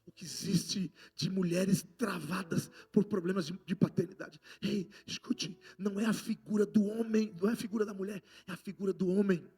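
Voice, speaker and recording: A man with a Brazilian Portuguese accent preaching a sermon, passionate and swinging between loud outbursts and hushed lines. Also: sits high, fairly even intonation, moderate pace, hardly any pauses, husky, faint music behind. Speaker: apostle preaching.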